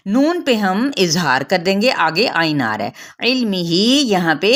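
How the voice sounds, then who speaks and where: A woman with a Pakistani Urdu accent teaching a tajweed lesson, explaining each rule and then reciting the words slowly and drawn out to demonstrate. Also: on the low side, big pitch swings. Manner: patient, repeats and stretches Arabic words to demonstrate.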